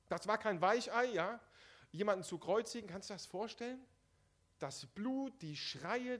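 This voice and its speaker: A man preaches a sermon, speaking right to his listeners. His voice sits a little high and moves a lot, dropping quiet and then pushing loud for emphasis. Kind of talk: evangelistic sermon.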